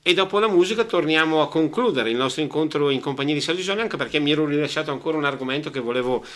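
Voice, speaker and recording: A man's voice: on the high side, rapid-fire, a bit bright, soft background music. A man hosting a radio interview, polite and ready to agree with his guest. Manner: polite, agreeing often with "certo". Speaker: radio host.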